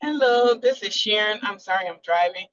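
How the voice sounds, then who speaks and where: A woman from Michigan calling in on a car speakerphone while driving. She asks her question haltingly as she searches for words. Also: medium pitch, a bit bright, no room sound. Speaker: caller. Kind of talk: casual question to a panel. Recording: dull, lo-fi phone line from a car.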